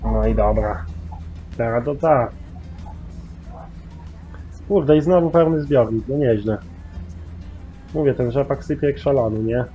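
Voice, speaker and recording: A man's voice: mid-range voice, measured pace, pauses often, dull audio, soft background music. A man giving rambling, casual commentary while playing a farming game, full of mild swearing fillers. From Poland. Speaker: gaming YouTuber.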